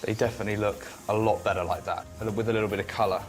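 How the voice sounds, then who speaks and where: A man's voice: fairly low pitch, fairly even intonation, very fast, soft background music. Cheeky young man in kitchen banter. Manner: cheeky, teasing. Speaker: chef's son cooking on the show.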